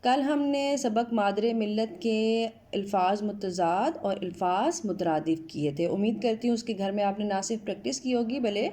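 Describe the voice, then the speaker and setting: A woman teacher from Pakistan giving an online Urdu lesson to students, drawing out each word slowly as she spells it. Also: medium pitch, mellow. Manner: slow, drawn-out spelling of words. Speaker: school teacher.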